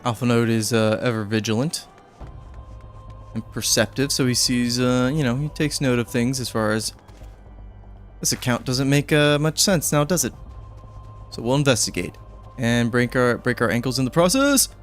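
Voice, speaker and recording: Man, gaming streamer, casual commentary, joking asides, mid pitch. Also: normal speed, pauses often, faint music behind. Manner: chatty, joking asides to the game.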